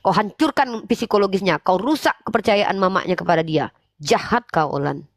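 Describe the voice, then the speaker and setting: A woman hosting a religious debate livestream, scolding and preaching in a forceful way. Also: mid-range voice, moderate pace, no room sound. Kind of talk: livestream talk.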